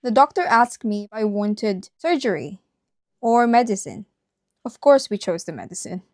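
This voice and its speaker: A woman's voice: mid-range voice, big pitch swings, normal speed, dry recording, studio quality. A woman vlogger narrating a personal story directly to her viewers.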